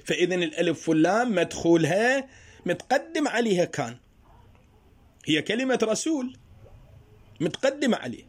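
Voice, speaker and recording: A man teaching a grammar lesson. He explains slowly through worked examples and asks his students rhetorical questions. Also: sits high, big pitch swings. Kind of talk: spoken Arabic grammar lesson.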